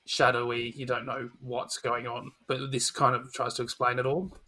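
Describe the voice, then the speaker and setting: This middle-aged man co-hosts a podcast where he reviews films, chatting casually, informally and with strong opinions and dry humour. His voice is mid-range with little pitch movement, at a normal speed and with a sharp tone.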